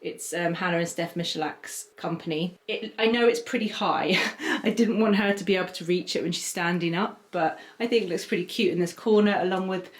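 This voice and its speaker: A woman giving a chatty, relaxed home tour as a vlogger, filmed on a handheld camera in a small nursery room at home. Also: fairly low pitch, a little fast, few pauses. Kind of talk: casual home tour narration.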